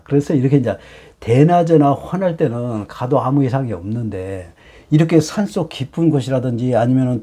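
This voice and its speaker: A middle-aged man teaching hanja in a lecture, explaining slowly with many fillers and rhetorical questions. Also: mid-range voice, mellow, husky.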